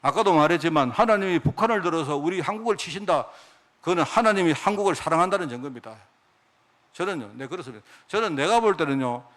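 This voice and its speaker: A man preaching a sermon as pastor, talking in a lively conversational way with many rhetorical questions to the congregation and acting out quoted speech. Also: a little high. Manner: acts out God's and others' speech in quoted lines.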